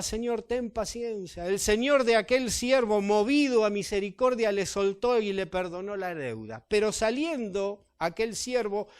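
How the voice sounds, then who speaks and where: A pastor preaches in church, his voice sitting fairly high for a man. He reads scripture aloud and explains it in an easy, conversational manner, often checking in with his congregation. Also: clean tone. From Chile. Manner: conversational, with tag questions to the congregation. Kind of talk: sermon.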